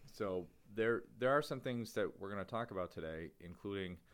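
Deep-voiced male podcast co-host. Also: lively intonation, normal speed, clean tone. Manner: rambling, restarts sentences, easy laugh. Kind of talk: casual educational podcast chat.

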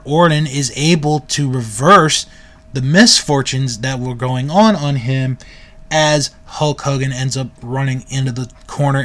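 A man giving a casual, relaxed recap of a video, often correcting himself and filling pauses with "um" and "uh.". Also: medium pitch. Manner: relaxed, self-correcting with frequent fillers. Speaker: video reviewer.

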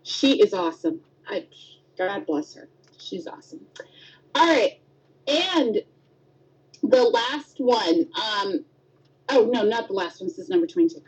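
A woman in her thirties co-hosts a podcast, chatting casually and telling stories in which she acts out quotes, sometimes with squeals. Her medium-pitched voice is animated and husky, at a measured pace with long pauses. The audio is dull lo-fi podcast sound.

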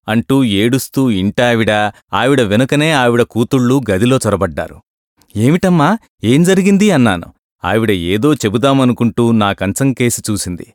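Guy reading out a funny story, steady mid voice, dry close sound. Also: medium pitch, no echo. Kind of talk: scripted narration of a humorous story.

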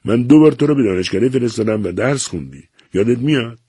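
A man's voice: on the low side, very animated, creaky, dark tone, husky, dry recording, voice pushed up, exaggerated voice. A man voicing a desperate middle-aged man who pleads in a strained, raised voice, for an audiobook. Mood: pleading.

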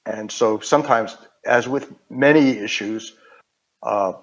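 An older man from New York with a Queens accent, explaining technical matters informally as a guest, haltingly and with digressions. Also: mid-range voice. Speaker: interview guest. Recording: dull, band-limited audio.

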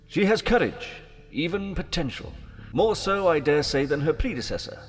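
Man acting a silky, high-pitched theatrical villain. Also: lively intonation, normal speed, soft background music, close to an everyday voice. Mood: sly, amused. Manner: theatrical, mock-courteous, elaborately formal. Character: imprisoned villainous male mastermind, silky, mocking, grandiose. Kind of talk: audio drama acting.

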